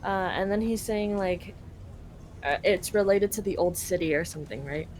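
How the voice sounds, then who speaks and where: A woman's voice: mid-range voice, moderate pace, darkish tone, a little hiss or hum. A woman from Canada translating a game live, casual and laughing, full of fillers. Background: game music.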